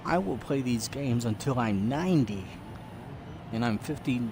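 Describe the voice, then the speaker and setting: A man's voice: mid-range voice, expressive, a little slow, background noise. A man in his fifties chatting casually to his live stream audience while playing a racing game. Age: 50s. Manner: chatty, rambling, talks to live chat. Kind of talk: casual gameplay commentary.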